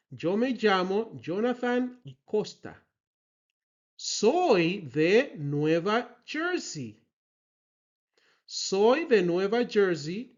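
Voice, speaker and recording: A male Spanish teacher talks very slowly and with a lively, rising and falling pitch. He repeats phrases carefully and checks in with the learner as he goes. The recording sounds dull and lo-fi. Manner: repeats each phrase slowly, then translates; checks in with a questioning "right?". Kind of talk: slow, deliberate language lesson.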